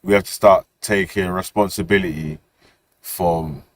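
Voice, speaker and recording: London roadman, low slangy male voice. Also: steady tone, a little slow. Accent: London, street roadman style. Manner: slangy, repetitive, punctuated with "yeah?" and "innit". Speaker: livestream host. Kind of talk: casual livestream chat with street slang. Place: outdoors on city streets while streaming.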